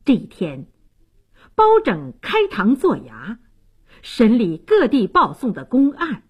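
A woman narrating a classic tale in an expressive storyteller's style for a radio broadcast. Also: fairly high pitch, slow, breathy edge. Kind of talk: slow, lively storytelling narration.

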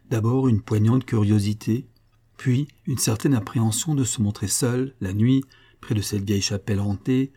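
A man narrating a classic short story in a calm, even storytelling manner. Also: lowish voice. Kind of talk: scripted audiobook narration.

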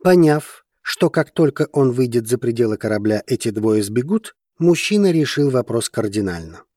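A man narrating fiction for an audiobook in a measured, steady manner. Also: mid-range voice, no echo, studio quality.

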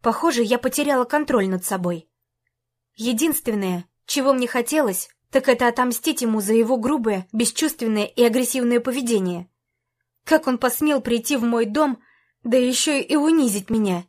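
Woman, audiobook narration, first-person, steady, tense, higher pitch. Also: moderate pace.

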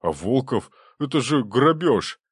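A man's voice: medium pitch, sing-song, unhurried, husky, no room sound, studio quality, pitched above the performer's own voice, full character voice. A man voicing a cowardly, panicking middle-aged male governor who whines and squeals in fear. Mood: bewildered. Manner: frightened, whining and squealing.

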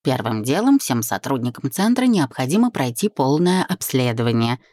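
A woman reading the part of a young husband and boss who is teasing, commanding and tender by turns, in a low, mellow voice. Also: sing-song, a little slow, no echo, clean studio sound, full character voice. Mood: teasing, bossy. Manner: playful, bossy, tender. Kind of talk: audiobook reading.

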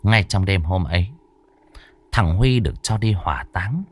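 A male storyteller narrating a ghost story in a lively, dramatic way. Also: deep voice, a little slow.

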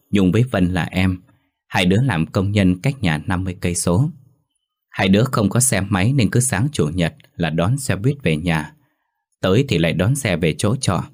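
A man narrating a story in a steady audiobook delivery. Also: deep voice. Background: faint music.

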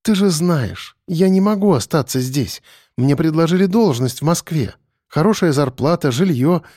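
A male reader voicing a young woman who is sad but stubborn, speaking softly and pleadingly in an audiobook. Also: fairly high pitch, animated, normal speed, no echo, clean studio sound, voice pushed up. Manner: soft, pleading and strained. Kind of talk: audiobook character voice.

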